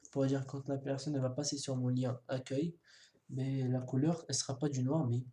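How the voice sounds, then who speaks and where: A man's voice: medium pitch, little pitch movement, brisk, dark tone. A man giving a casual coding tutorial, hesitant, with many fillers and restarts, now and then joking about himself. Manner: jokes self-mockingly. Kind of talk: screen-recorded coding tutorial. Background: keyboard typing and mouse clicks.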